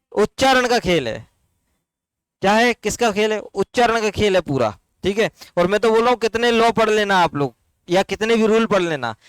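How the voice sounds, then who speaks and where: A man teaching a Hindi grammar class, slowly drawing out and repeating words for his students, with a Rajasthani Hindi accent. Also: high voice, clear, resonant tone, no echo.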